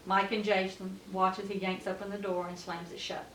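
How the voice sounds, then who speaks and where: Reading stage directions as narrator of a table read, this woman sounds a little fast and a bit bright, with a medium pitch and flat delivery. The room is echoey, the mic is far off, and there's faint noise.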